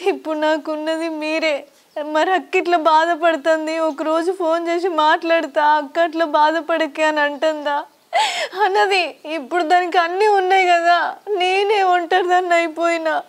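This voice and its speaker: A woman's voice: high voice, lightly acted. An actress playing a childless village woman who pleads tearfully in a Telangana accent. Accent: Telangana Telugu. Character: village woman, childless elder sister, grieving. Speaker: elder sister.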